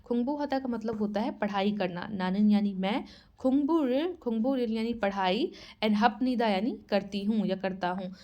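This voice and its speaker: A woman's voice: a little high, normal speed, darkish tone. A woman, teaching a casual online language lesson, patiently repeating each word and its meaning. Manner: mixes Hindi and English.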